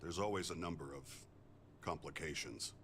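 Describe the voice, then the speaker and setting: An actor playing a composed augmented male ex-soldier engineer in a video game, speaking in a measured, plainspoken way. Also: a bass voice, a bit bright, a little hiss or hum. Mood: calm. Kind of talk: video game character dialogue.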